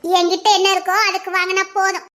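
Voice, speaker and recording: A woman playing a proud, curt young village woman with a Tirunelveli Tamil accent and a sharp tongue. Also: very high-pitched, monotone, fast talker. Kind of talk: amateur drama skit.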